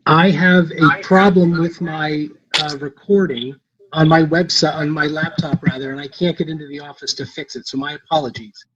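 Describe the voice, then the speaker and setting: A man giving public comment at a council meeting by phone. The call audio is glitchy and keeps breaking up. He is polite and apologetic, halting with many "uh"s. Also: fairly high pitch, steady tone, fairly bright tone. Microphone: phone dial-in. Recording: muffled lo-fi call line with faint noise.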